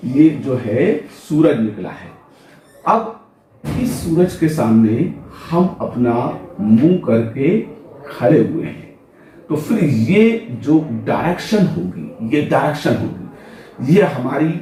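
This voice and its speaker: A man's voice: medium pitch, mellow. A man teaching physics in speech at a board, who asks the class questions and answers them himself. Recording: echoey room.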